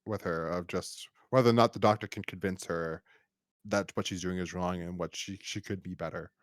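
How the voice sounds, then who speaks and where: Low and steady, a man's voice co-hosts a podcast in studio quality without echo. His casual talk about an audio drama is rambling and halting, full of false starts and repeated words.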